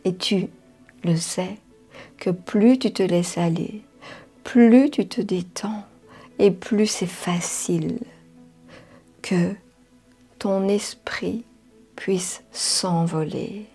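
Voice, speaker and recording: A woman leading a guided meditation in a soft, half-whispered voice, soothing, with drawn-out phrases and long pauses. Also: mid-range voice, breathy edge. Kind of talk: slow guided hypnotic meditation. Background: music.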